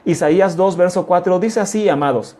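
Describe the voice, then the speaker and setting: A man gives a teaching sermon in a soft, mellow voice. He talks in an unhurried way, returns to his key phrases again and again and keeps turning to his listeners with questions. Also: high voice. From Mexico. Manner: repeats key phrases, often calls listeners "amados"; deliberate, unhurried explanation with rhetorical questions. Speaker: congregation teacher.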